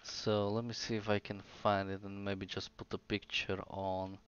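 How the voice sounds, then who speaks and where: A man's voice: lowish voice, level tone, moderate pace, dull audio, slight background noise. A sleepy young man who is losing his voice, chatting casually on a live stream, rambling and hesitant with many fillers and restarts.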